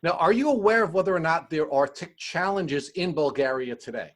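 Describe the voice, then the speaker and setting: A man's voice: on the high side, lively intonation, brisk, a bit bright. Man hosting a podcast interview. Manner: formal, reads guest introduction. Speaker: podcast host. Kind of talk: scripted intro then interview questions.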